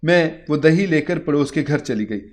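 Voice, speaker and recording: A man reading a first-person moral story in a steady, earnest narration. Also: on the high side.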